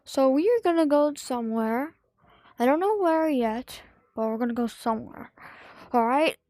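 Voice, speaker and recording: A woman's voice: sits high, animated, normal speed, warm tone, no room sound. A woman hosting a VR gameplay video, chatting in a casual, rambling way and breaking into sing-song asides as she plays, talking into a headset mic. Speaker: gaming video host.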